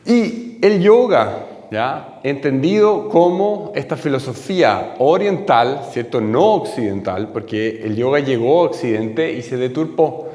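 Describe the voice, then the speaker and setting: A man's voice: medium pitch, lively intonation, unhurried, dark tone. A man explaining a lesson patiently, often checking in with his listeners. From Chile. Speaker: teacher. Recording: echoey hall.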